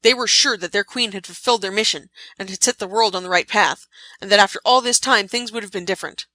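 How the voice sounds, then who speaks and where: A woman narrates a scripted story recap with a bright, forward tone. The recording is close and dry, with no room sound around her. She tells it in a measured, expressive way. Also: mid-range voice, no room sound. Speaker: podcast host.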